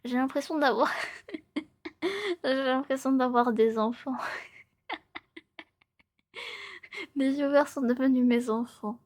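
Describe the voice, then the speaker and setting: Her high-pitched, animated voice moves at a slow pace with frequent pauses as she chats on a live stream. In her 20s, she's casual and playful, often whispering softly and breathily in ASMR style and repeating herself.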